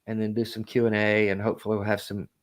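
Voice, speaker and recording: A man hosting a call-in talk show, chatting casually with a guest, animated and often laughing. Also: on the low side, fast. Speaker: host. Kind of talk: casual chat.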